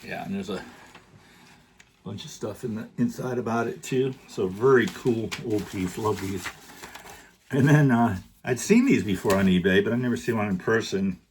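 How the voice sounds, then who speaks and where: A middle-aged man vlogging about collectibles, relaxed and joking, sometimes talking while chewing candy. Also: fairly low pitch, moderate pace, slight background noise. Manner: relaxed, joking, rambling with fillers. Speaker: card collecting YouTuber. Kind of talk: casual vlog, showing gifts to camera.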